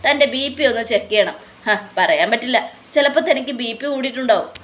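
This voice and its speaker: Woman voicing a sarcastic young man, accusing, taunting, fairly high voice. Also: animated, fast talker, a bit bright. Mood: mocking. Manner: mocking, accusing. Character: young man, vengeful and sarcastic toward villain.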